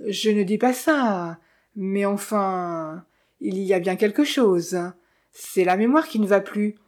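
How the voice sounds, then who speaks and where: A woman's voice: mid-range voice, slow, a little mellow, close to an everyday voice. A woman reading an audiobook and voicing a chatty, knowing male village innkeeper who gossips and teases. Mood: confiding. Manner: gossipy, teasing, confiding. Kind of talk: audiobook character voice.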